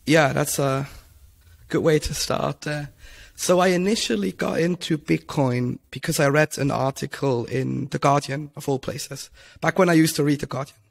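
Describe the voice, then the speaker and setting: A young man from Switzerland tells his story in a relaxed podcast interview, circling back with ums and restarts. His voice sits a touch high with a gravelly, creaky texture. He speaks into a headset mic from a room at home. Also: normal speed. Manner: rambling, many ums and restarts. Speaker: podcast guest. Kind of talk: casual interview talk.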